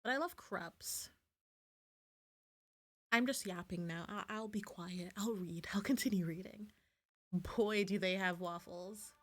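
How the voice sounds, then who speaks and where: Playing visual novels on stream, a woman keeps up relaxed, chatty commentary, gushing and rambling and frequently interrupting herself. She has a medium-pitched voice, a measured pace and long pauses, with music in the background.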